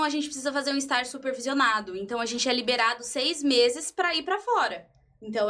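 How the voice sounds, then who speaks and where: Unhurried young woman guest. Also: fairly high pitch, sharp tone. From Brazil, interior of São Paulo state. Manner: unhurried, with frequent restarts and fillers. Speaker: startup founder, guest. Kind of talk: casual interview storytelling.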